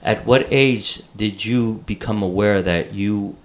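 Guy from the bronx cohosting a podcast, voice a bit low. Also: takes it slowly. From the Bronx, New York. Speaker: podcast co-host. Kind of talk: podcast panel talk. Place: a shed, as stated.

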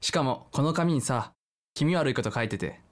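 Guy playing a young man in a radio drama, rough and urgent, voice moves around a lot. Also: medium pitch, lively intonation, moderate pace, natural voice. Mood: uneasy. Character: tense young man pleading for a gun.

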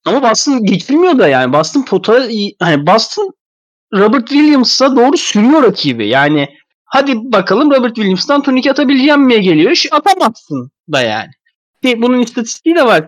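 A man with a very high voice, stuffy and thick from a cold, gives rambling, informal basketball analysis on a podcast. The audio is echo-free but lo-fi.

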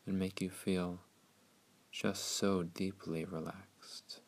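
Slow, deep gravelly man guiding meditation. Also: level tone. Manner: soothing, hushed, unhurried delivery with long pauses. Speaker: guided meditation narrator. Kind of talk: slow, scripted guided meditation narration.

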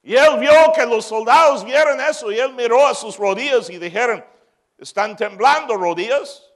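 A man preaching a sermon as pastor, moving from shouted peaks to joking asides. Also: very high voice, moderate pace.

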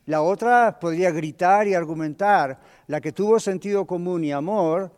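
A man's voice: sits high, normal speed, a little mellow, clear, resonant tone. A male pastor teaching a Bible lesson in a conversational way, putting questions to his congregation. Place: church hall. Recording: long church hall reverb.

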